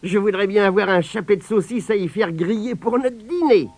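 A man's voice: high-pitched, fairly quick, darkish tone, dry recording, pitched above the performer's own voice. A man doing a plaintive peasant husband. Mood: musing. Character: poor peasant husband, cautious, easily upset.

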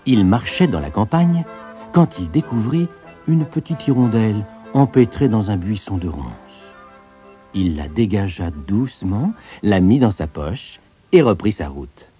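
Low, mellow male storyteller. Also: unhurried. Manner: expressive, lively storytelling. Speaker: narrator. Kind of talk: scripted storybook narration. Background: soft background music.

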